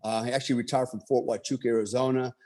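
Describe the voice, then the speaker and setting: A man's voice: mid-range voice, flat delivery, very fast, a little mellow. A man in his fifties who grew up in Germany, telling his life story as a motivational speaker in a rambling way, with many fillers and rhetorical asides. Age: 50s. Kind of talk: personal storytelling monologue.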